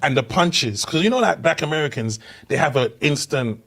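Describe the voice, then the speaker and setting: This young comedian, a Hackney native with a London accent, talks at a moderate pace with a fairly high voice while trading stories on a relaxed podcast. Animated throughout, he laughs through punchlines and mimics the voices he quotes.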